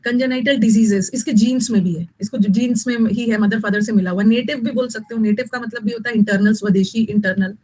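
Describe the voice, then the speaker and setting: A woman's voice: fairly high pitch, fairly even intonation, brisk, hardly any pauses, a little mellow, low-quality recording. A woman teaching English vocabulary in an online exam-prep lesson, repeating key words and scolding students.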